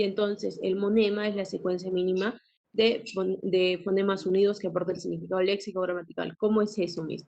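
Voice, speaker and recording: A woman teacher gives a classroom lecture at an ordinary mid pitch. She keeps asking her students tag questions and clears her throat now and then. The recording sounds dull and lo-fi. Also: darkish tone. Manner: asks frequent tag questions.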